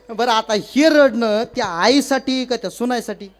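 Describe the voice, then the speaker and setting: A man preaching a comic devotional sermon, telling stories and acting out village women in a high wailing voice. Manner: addresses listeners as maharaj. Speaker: kirtan preacher.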